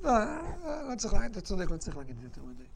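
A man teaching a Bible lesson to a class, telling the story with animated asides to his students. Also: high-pitched, gravelly, noisy background.

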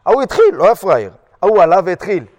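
A man teaching a halakha lesson to yeshiva students, animated, often questioning the class and acting out short quotes. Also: sits high, long reverb tail.

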